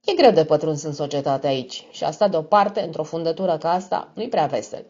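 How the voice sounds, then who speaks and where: A woman's voice: low voice, lively intonation, darkish tone, slightly rough. A woman voicing a smug, mocking young male blackmailer with an affected tone. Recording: dull lo-fi recording.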